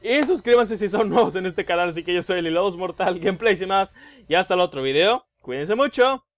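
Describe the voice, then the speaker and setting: A young man giving excitable let's play commentary, yelping and squealing when scared. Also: high voice, brisk, dry recording. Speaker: gaming YouTuber.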